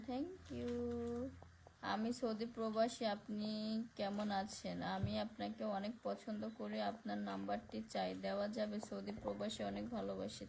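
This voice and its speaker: A woman with a Barishal Bengali accent hosting a casual phone live stream, speaking softly because of neck pain as she reads out viewer comments and thanks people by name. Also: medium pitch, gravelly, noisy background.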